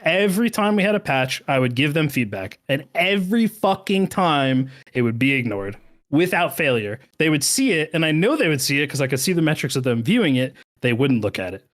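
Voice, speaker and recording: A man's voice: on the high side, very animated, brisk. A man who was a creator manager, ranting heatedly with plenty of swearing on a podcast. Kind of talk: podcast chat.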